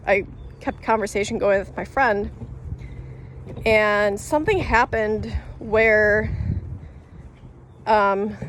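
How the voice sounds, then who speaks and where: A woman's voice: fairly high pitch, slight background noise. A woman telling a story to camera in a casual, rambling way, full of fillers and restarts, laughing as she goes. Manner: rambling, many fillers and self-corrections; laughs through her telling. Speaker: vlogger.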